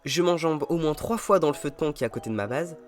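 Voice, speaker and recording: A man's voice: fairly high pitch, quick pace. Upbeat man narrating gameplay over music. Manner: upbeat, self-mocking. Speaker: gaming YouTuber. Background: game music.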